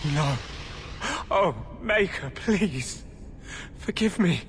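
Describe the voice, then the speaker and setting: Earnest, brooding rebel mage. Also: male voice, sits high, lively intonation, very slow, slight background noise, full character voice. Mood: distraught. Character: earnest, troubled rebel mage, intense and idealistic. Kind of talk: video game voice acting.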